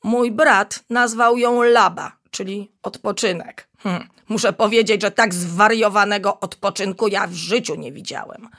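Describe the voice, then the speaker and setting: A woman's voice: mid-range voice, a little slow, hardly any pauses, fairly bright tone. A woman voicing an old, wise male baboon doctor who hums thoughtfully as he talks. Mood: exasperated.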